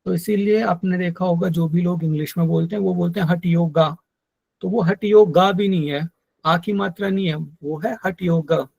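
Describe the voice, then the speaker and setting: A man teaching a yoga text in an online class, explaining slowly and patiently and drilling Sanskrit pronunciation. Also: high-pitched, steady tone, vocal fry, darkish tone, dry recording. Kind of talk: online lecture.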